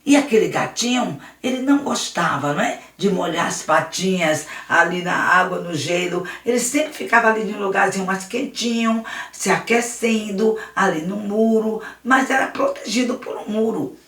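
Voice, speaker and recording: A woman telling a children's story with lively, animated delivery, often turning to speak straight to the young listeners. Her voice sits mid-pitch and sounds roomy, as if from a mic some way off. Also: normal speed, recorded from a distance. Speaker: missionary storyteller.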